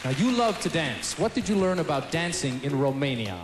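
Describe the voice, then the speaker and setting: High-pitched man hosting a pageant. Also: very animated, fairly quick. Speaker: pageant host. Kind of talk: live stage interviewing. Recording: echoey stage, loud music and crowd.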